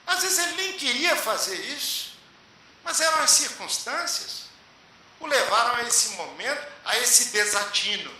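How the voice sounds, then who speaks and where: At a public meeting, a man recounts a spiritual story in a lecture hall, pausing in a measured, emphatic way. His high voice is very bright and lively in pitch. The very echoey hall makes it ring, with a faint hiss underneath.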